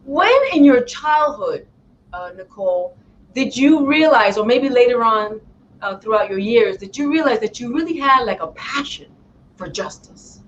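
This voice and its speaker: Her voice runs a little high and expressive, at a moderate pace, captured on lo-fi audio with faint background noise. She hosts a talk show interview in an effusive, praising manner. She keeps repeating "my friends" and "wow."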